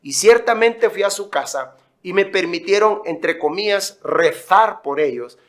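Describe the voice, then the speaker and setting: A middle-aged man preaching a sermon as a pastor, emphatic and storytelling, with lively asides. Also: sits high, measured pace.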